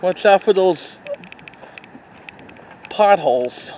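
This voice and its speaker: Casting: man with a high voice, rambling walking-tour vlogger, faint traffic behind. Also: animated, a little mellow, low-quality recording. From New York City. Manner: rambling, halting, with frequent restarts. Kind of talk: casual walking-tour narration. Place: outdoors on a town street. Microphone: handheld camera while walking.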